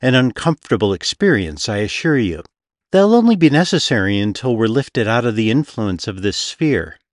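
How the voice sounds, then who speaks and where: A man's voice: medium pitch, very animated, moderate pace, no room sound, natural voice. Man voicing a sly female demon baron. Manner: dry, teasing, brochure-like delivery.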